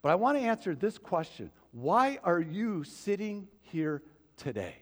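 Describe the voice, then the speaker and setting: A man's voice: high-pitched, sing-song, measured pace. A man preaching a sermon as pastor, talking to the congregation in a loose, conversational way with frequent asides. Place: church sanctuary. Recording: long reverb of a church hall.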